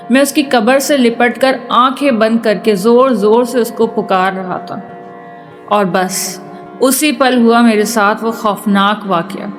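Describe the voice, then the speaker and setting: A woman narrating a first-person horror story in an earnest, measured way. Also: fairly high pitch.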